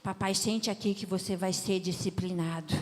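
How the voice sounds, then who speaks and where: A little boy, solemn and bossy, scolding like a grown-up, as a woman puts him on. He speaks slowly and quietly, in a voice pitched lower than her own. A long hall echo hangs on every word. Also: fairly even intonation, close to an everyday voice. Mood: mock-stern. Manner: mock-stern, slow and quiet. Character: small grandson playing a stern parent.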